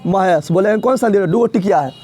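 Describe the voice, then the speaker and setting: A young man runs an exam-prep grammar lesson. His voice sits high for a man, and he keeps firing questions at his students and answering them himself, over and over, like a drill. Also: moderate pace, darkish tone, faint music behind. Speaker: teacher.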